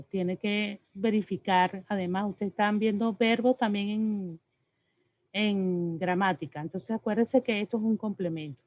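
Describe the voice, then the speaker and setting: A woman's medium-pitched, a little mellow voice delivers an online lecture on spelling and pronunciation rules. The teacher explains patiently and checks in with "ok?" again and again, on a slightly dull lo-fi recording.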